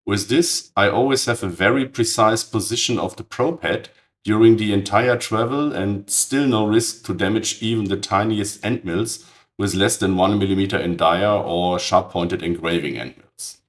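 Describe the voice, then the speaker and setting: Hoarse man with a cold, lowish raspy voice, matter-of-fact technical narrator. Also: normal speed. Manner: precise, matter-of-fact, blunt verdicts on tools. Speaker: channel host.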